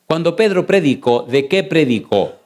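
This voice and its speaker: A man, a pastor preaching a sermon in a church, asking the congregation rhetorical questions and switching between slow stressed lines and rapid runs. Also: a little high, lively intonation, a little mellow. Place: church sanctuary. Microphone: sermon recording.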